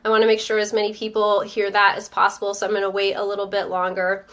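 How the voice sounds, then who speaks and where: Through a webcam or phone mic, a Northern Virginia woman with a stuffy head cold hosts a live stream, cheerfully chatting and reading out viewer comments. She talks fast at medium pitch, completely flat in delivery, with a fairly bright tone.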